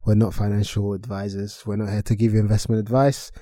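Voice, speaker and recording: Low, mellow podcast co-host, hesitant and searching for words, dry close sound. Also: male voice, level tone, fast talker, dry recording. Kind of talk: casual finance podcast chat.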